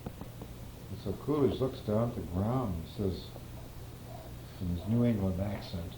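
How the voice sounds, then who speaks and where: A man in an interview, relaxed and telling anecdotes. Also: lowish voice, a little slow. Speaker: interview participant. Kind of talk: conversational storytelling. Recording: roomy, hissy old tape.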